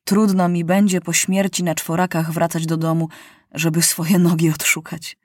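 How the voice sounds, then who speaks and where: A calm, one-eyed pilot who lost his legs, telling grim jokes in an even, deadpan way, as read by a woman. The voice sits low and close. It is a storybook reading in a dry room. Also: moderate pace, dry recording, close to an everyday voice. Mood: wry. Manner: deadpan gallows humor. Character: legless one-eyed male pilot, calm, dryly joking.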